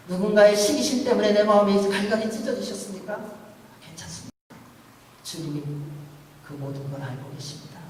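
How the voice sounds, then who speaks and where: A man preaching a Sunday sermon as pastor in a church sanctuary. He swings from loud, emphatic appeals to hushed pleading and often preaches in rhetorical questions. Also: high voice, slight background noise. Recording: echoey hall, voice from far off.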